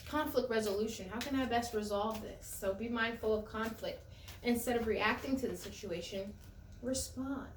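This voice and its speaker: A woman gives a relaxed tarot reading to her viewers, talking in a loose, conversational way that circles back over her own phrases. Her voice sits a little off from the mic in a roomy, echoey space, with a faint hum underneath. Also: fairly high pitch, far from the mic. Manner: conversational, repeats and restarts phrases. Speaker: tarot reader. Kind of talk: casual spiritual tarot reading.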